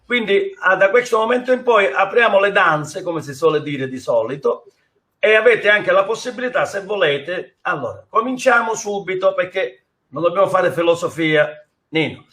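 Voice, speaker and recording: A male talk show host with a Sicilian accent and a high voice. He chats with his guests and speaks directly to viewers at home. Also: animated, normal speed, pushed and bright. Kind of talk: live talk show hosting.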